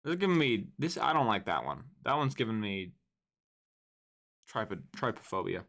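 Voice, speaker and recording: A young man streaming live, talking casually with a lively, bouncing pitch that swings up and down. He rants, swears freely and mutters asides into his microphone. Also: moderate pace. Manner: animated, profane ranting. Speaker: livestreamer. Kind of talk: casual livestream commentary.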